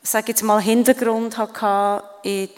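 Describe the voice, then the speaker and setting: A woman's voice: on the high side, flat delivery, takes it slowly, a little mellow, long reverb tail. A middle-aged woman with a Swiss German accent, speaking earnestly and reflectively as a guest on stage, with many fillers and restarts. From Switzerland. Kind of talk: interview on stage at an event.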